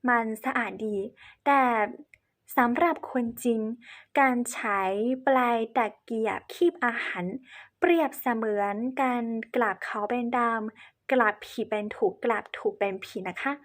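A Chinese woman, whose first language is Chinese, teaches in Thai as a foreigner, a bit halting but polite, in a highish voice. She's a presenter on cultural etiquette giving an explanatory lesson to camera.

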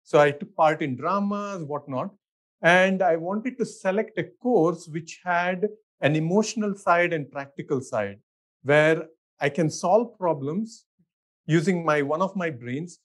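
Unhurried and a little high in pitch, this middle-aged man with an Indian accent is an architect and guest responding to interview questions in a relaxed way. He laughs frequently and works through ideas aloud, using fillers and restarts.

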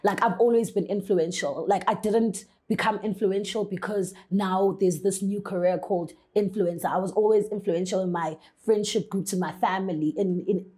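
A woman's voice: medium pitch, normal speed, few pauses. Casual young woman guest on a talk show. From South Africa, Eastern Cape. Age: young adult. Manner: casual, relaxed, lots of fillers like "you know". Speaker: guest, influencer. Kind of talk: studio interview. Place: bright studio set.

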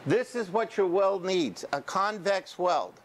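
A man's voice: sits high, lively intonation, unhurried. An older man, a welding teacher, explaining steps to a class in a casual, folksy way, often checking in with "okay". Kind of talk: classroom instruction. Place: school welding shop and classroom, indoors.

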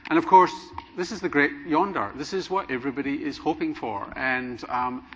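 A man's voice: a little high, normal speed, breathy edge. A middle-aged man moderating a conference panel, asking probing, leading questions and giving the closing remarks. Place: large conference hall stage. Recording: dull sound with hall reverb.

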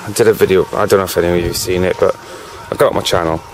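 Talking very fast in a low voice with fairly even intonation, a British man rambles on his own channel as a vlogger. He keeps dropping "you know" and now and then speaks around a cigarette. The recording quality is low.

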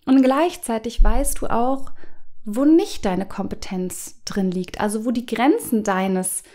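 Gentle guiding woman coach. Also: a little high, takes it slowly. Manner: gentle, guiding, addresses listener directly. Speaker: business coach and podcast host. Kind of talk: coaching podcast monologue.

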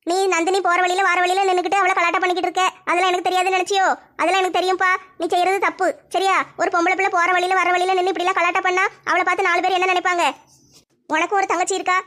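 A woman's voice: very high-pitched, flat delivery, rapid-fire, pushed and bright. A woman voicing a stern, protective middle-aged village mother, lecturing and scolding.

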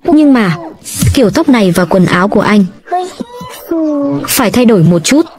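A woman's voice: medium pitch, animated, normal speed, a little mellow, natural voice. A woman voicing a blunt, feisty young mother who works as a nanny and bosses her husband around. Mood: commanding.

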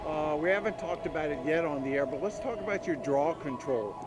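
A man interviews players after a game with enthusiastic, stat-heavy questions. His voice sits high for a man. Music plays clearly behind him. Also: fairly quick. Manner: enthusiastic, leading questions with stats. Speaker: sports interviewer.

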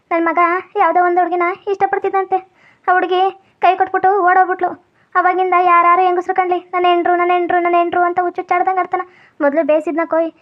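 A woman playing a fretful, pleading village mother in a comedy skit, speaking. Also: extremely high pitch. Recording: dull lo-fi audio.

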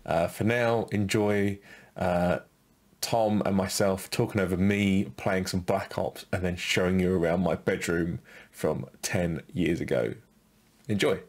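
A man co-hosting a podcast, talking in a relaxed, halting way as he thinks aloud. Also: low-pitched. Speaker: podcast co-host. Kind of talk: casual podcast commentary.

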